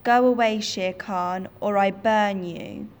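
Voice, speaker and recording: A woman's voice: a little high, expressive, takes it slowly. A woman voicing a brave young boy raised by wolves, speaking in earnest, simple phrases. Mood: defiant.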